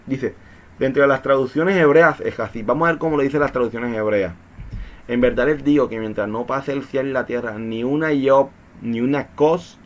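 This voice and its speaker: A man's voice: medium pitch, lo-fi sound. A man teaching a Bible study in Spanish, explaining patiently with rhetorical questions and frequent repetition.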